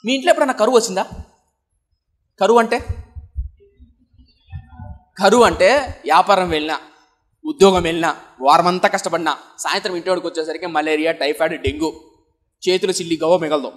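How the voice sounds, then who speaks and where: A young man from Andhra Pradesh, India, preaching a sermon, asking the congregation rhetorical questions and swinging between loud emphatic lines and soft low passages. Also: a little fast, pauses often. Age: young adult.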